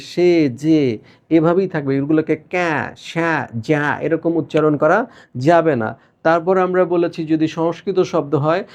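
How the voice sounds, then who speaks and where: A man's voice: on the high side, a little mellow. A young man teaching an exam-prep grammar lesson, explaining step by step and asking and answering his own checking questions.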